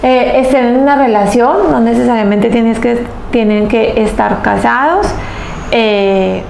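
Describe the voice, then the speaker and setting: Seated at a table in a small indoor room, a tarot reader and host in her thirties gives a spiritual reading in a heavily creaky, slightly high, darkish voice. She speaks earnestly in short, emphatic phrases with pauses, recorded on a clip-on lapel mic with roomy echo and faint background noise.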